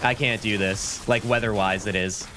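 A laid-back male streamer chats casually over a game stream, rambling and dropping "like" and "dude" constantly. He's sick, so his already low voice sounds slightly deeper, with fairly even intonation at a moderate pace. He sits at a desk in a small home room with a studio mic and webcam framing, game music and other noise playing behind him.

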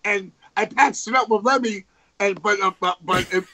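A man in casual chat, talking excitedly with many stumbles and restarts. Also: sits high, moderate pace, slight background noise. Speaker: podcast guest musician.

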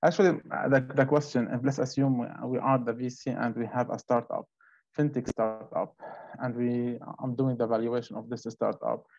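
A man's voice: medium pitch, little pitch movement, normal speed, darkish tone. A man from Syria asking a hesitant question over a video call, repeating words as he goes. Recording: muffled video call audio.

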